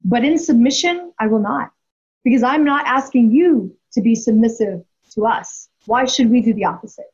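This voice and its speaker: A woman's voice: on the high side, normal speed, a little mellow, breathy edge. A woman in her forties, speaking as a guest and telling a story candidly, with emphasis and frequent restarts. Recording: dull lo-fi audio.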